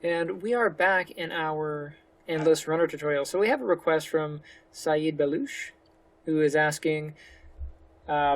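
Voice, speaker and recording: A man hosting a casual step-by-step game development tutorial, speaking relaxed and a little slurred, walking through each step on a desktop mic. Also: on the high side, no echo. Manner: relaxed, slightly slurred speech; talks through each step with fillers like "go ahead". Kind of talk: casual screen-recorded tutorial.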